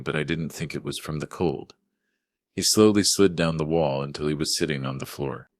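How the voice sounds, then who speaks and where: An older man narrating a first-person family drama story in a steady, measured way. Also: rumbling low, no echo, studio quality.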